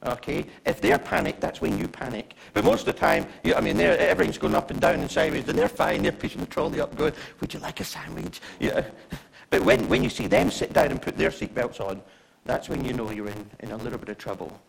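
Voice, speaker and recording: A man's voice: mid-range voice, animated, quick pace, vocal fry, rough recording. A man preaching a conversational sermon, chatty and often asking his listeners questions. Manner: chatty, asks the audience questions.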